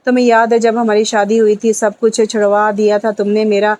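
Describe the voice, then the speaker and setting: A woman voicing a dying young wife who pleads gently, in an even, level tone. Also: mid-range voice, natural voice. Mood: wistful.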